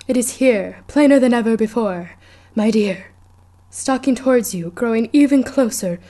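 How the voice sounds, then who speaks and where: Professor Trelawney, a woman putting on a breathy mystic. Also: on the high side, normal speed, dark tone, natural voice. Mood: portentous. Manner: breathy, solemn, grandly mournful. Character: theatrical middle-aged female mystic teacher.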